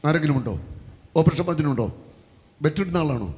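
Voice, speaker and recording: Leading a charismatic healing service from the altar of a church retreat hall, a man speaks fast in a voice on the high side with a darkish tone. He commands and chants repeated prayer lines, and the echoey hall has faint noise.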